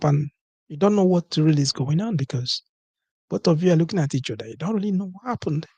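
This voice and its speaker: Gravelly man riffing comedically. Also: high voice, no room sound. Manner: animated, acts out couples' dialogue, keeps asking "you understand?". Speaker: comedic commentator. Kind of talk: comedic monologue on livestream.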